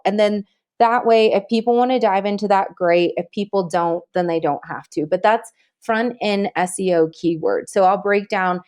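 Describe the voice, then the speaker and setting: A woman's voice: mid-range voice, darkish tone. A woman guest on a podcast interview, talking energetically and chattily, often breaking into laughter. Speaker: guest, marketing agency CEO.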